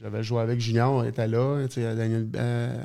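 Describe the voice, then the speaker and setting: A man's voice: mid-range voice, level tone, quick pace, creaky, dark tone. A middle-aged man with a Quebec French accent, a former hockey player telling stories as a guest, rambling with many restarts. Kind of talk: casual storytelling interview.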